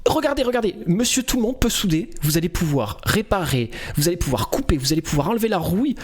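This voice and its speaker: A loud, overexcited male presenter pitching a tool in a video, his voice jumping well above its usual pitch, as a man puts him on. He pushes every phrase with showy salesman energy. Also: very animated, fast talker, slightly rough, full character voice. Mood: hyped. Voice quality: loud, exaggerated salesman enthusiasm.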